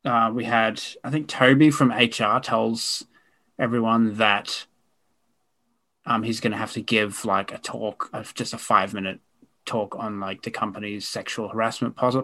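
A man's voice: lowish voice, sharp tone. A young man co-hosting a podcast, speaking frankly in a rambling, casual way. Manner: rambling, frank, self-correcting. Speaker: podcast co-host. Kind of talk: casual chat.

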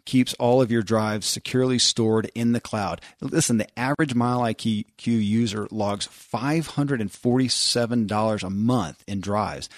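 A man's voice: fairly low pitch, no room sound, clean studio sound. A man hosting a motivational show, speaking earnestly and emphatically straight to listeners. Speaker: podcast host.

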